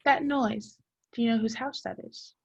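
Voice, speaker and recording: A woman's voice: fairly high pitch, fairly even intonation, moderate pace, a little mellow, husky, muffled recording. A woman playing a hearty, imperious Christmas spirit in a radio play, with a declamatory, commanding manner.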